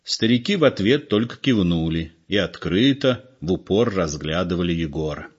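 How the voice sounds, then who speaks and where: A man's voice: sits low, expressive, normal speed, slightly rough. A man narrating an audiobook expressively, acting out the characters. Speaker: reader. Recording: dull lo-fi recording.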